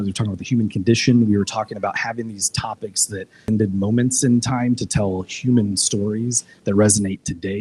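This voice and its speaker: A man's voice: fairly low pitch, a little mellow, slight background noise, low-quality recording. A man speaking casually at a live discussion event, retelling a TV episode with lots of restarts and filler words. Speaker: discussion panelist.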